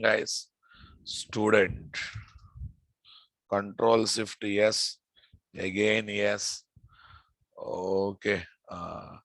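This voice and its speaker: Crisp, slow-paced Telugu-accented Indian male instructor. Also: fairly low pitch, a bit bright, no room sound, poor audio. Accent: Indian, Telugu-influenced. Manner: repeats phrases, frequent check-in questions. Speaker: programming instructor. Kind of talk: live coding lesson, addressing students.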